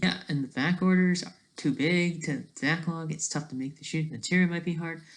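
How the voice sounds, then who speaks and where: Speaking in a mid-range voice, this solo online commentator rambles casually through study notes, thinking out loud. They stop and start often and keep things informal and self-deprecating.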